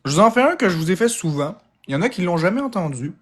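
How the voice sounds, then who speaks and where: A man with a Québécois accent chatting casually on a live stream, quick and playful. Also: high voice, sing-song.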